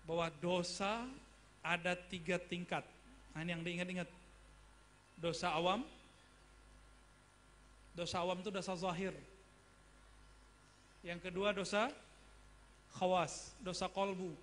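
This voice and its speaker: High-voiced man preaching conversationally. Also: flat delivery, measured pace, long pauses, a bit bright, slight background noise. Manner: conversational, asks the audience questions. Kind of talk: religious study lecture. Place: study gathering.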